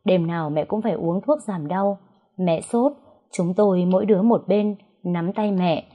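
A woman narrating a first-person story in a slow, soft, even reading voice. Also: fairly low pitch.

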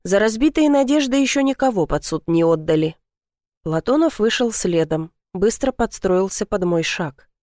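Woman, audiobook narrator, wry, lively, middle pitch, dry studio. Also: normal speed, no echo. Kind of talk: first-person novel narration.

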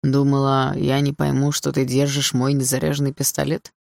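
A woman's voice: rumbling low, monotone, normal speed, creaky, darkish tone, no room sound, studio quality. A woman reading an audiobook, voicing a smug, possessive adult man who taunts coldly and sneers. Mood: smug menacing.

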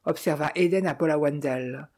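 A woman reads a novel aloud in a low, dark and husky voice. She does every character herself and lifts her voice for each one's lines. The narration is steady and scripted. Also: normal speed. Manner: reads every character in turn, lifting pitch and volume for quoted speech. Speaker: audiobook narrator.

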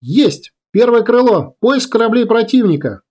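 A man voicing a young woman pilot commander who shouts urgent orders over the radio in an audiobook. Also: a little high, animated, unhurried. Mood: tense reporting.

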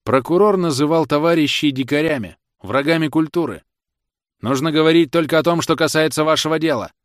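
A man's voice: a little high, a little fast, dry recording, clean studio sound, pitched above the performer's own voice, natural voice. A man voicing a furious young defendant. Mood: indignant. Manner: impassioned, shouting accusations. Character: fiery young male defendant, defiant orator.

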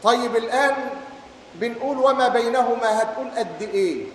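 A man's voice: very high-pitched, a little fast. A man with an Egyptian accent giving a lecture, quizzing his students and reciting verses. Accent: Egyptian Arabic. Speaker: teacher. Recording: echoey hall, faint background hiss.

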